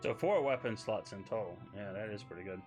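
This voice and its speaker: A man's voice: fairly low pitch, expressive, a little fast, a little mellow, faint music behind. A man from the South, chatting casually on a game stream, reading chat aloud with many hesitations. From Southern United States.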